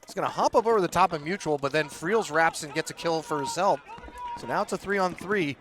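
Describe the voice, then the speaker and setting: A man giving brisk play-by-play commentary at an outdoor paintball event, with easy laughs between calls. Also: fairly high pitch. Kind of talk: live sports commentary. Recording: outdoor mic with loud ambient noise.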